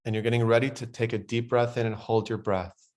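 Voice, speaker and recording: A man leading a guided breathwork meditation, speaking slow, soothing instructions that grow softer and quieter in the relaxation passages. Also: mid-range voice, level tone.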